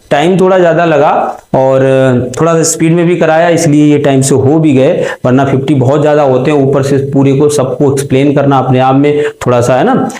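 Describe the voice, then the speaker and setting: A man's voice: on the high side, mellow. A male teacher giving an exam-prep vocabulary lecture, mixing English terms into his explanations and asking questions he answers himself. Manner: mixes Hindi with English terms. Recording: echoey room.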